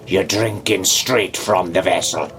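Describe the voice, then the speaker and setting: A man's voice: deep voice, a little slow, fairly bright tone, slight background noise. A man voicing a tipsy man in a pub joke, sounding boastful and matter-of-fact. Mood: smug.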